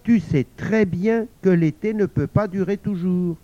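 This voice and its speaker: A man voicing a sensible, bossy little girl who coaxes and scolds her mother gently, in a storybook reading. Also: sits high, a little slow, no room sound, voice pushed up. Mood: coaxing. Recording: dull lo-fi recording.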